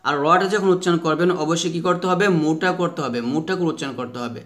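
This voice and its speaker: A man with a slightly higher-than-usual voice teaches Quran letter pronunciation. He talks patiently and repeats each point, then stretches out single sounds for listeners to copy. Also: fairly bright tone. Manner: slow drawn-out modelling of letter sounds with repetition drills. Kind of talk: pronunciation lesson.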